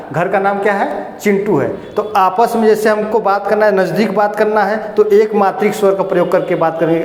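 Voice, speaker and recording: A male teacher faint explains a grammar lesson step by step and often puts questions to his students. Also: high voice. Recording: echoey room with faint noise.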